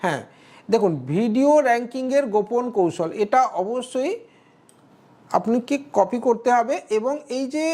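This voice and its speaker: A woman's voice: fairly high pitch, a little mellow. A woman narrating a step-by-step screen tutorial, instructive, often checking in with the viewer. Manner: instructive, keeps checking in with "okay?". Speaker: tutorial creator.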